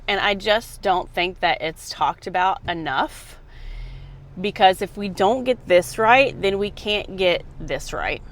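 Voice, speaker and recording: A woman's voice: mid-range voice, a bit bright, a little hiss or hum. A woman in her forties, a fitness vlogger and mom, talking earnestly and directly to the viewer. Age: 40s. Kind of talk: casual motivational talk to camera.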